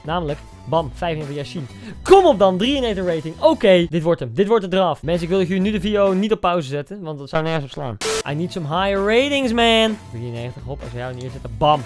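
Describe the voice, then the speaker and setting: A young man commenting on his own gameplay, jumping between loud excited outbursts and low mumbling, swearing freely. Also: quick pace, soft background music. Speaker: gaming YouTuber.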